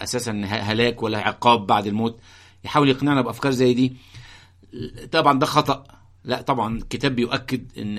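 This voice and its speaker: A man's voice: medium pitch, fairly bright tone. An Egyptian man preaching in an informal, conversational teaching style, often checking in with his listeners.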